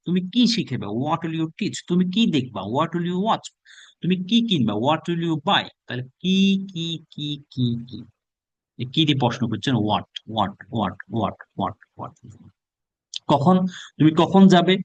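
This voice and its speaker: A Bangladeshi man teaching a spoken English class, drilling phrases through rapid repetition. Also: a little high, no room sound.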